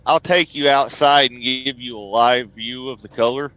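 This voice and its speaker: A man's voice: medium pitch, steady tone, moderate pace, bright, forceful tone, no echo, muffled recording. A man, a truck driver, telling stories as a guest in a casual, folksy, joking way. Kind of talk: casual conversation, storytelling.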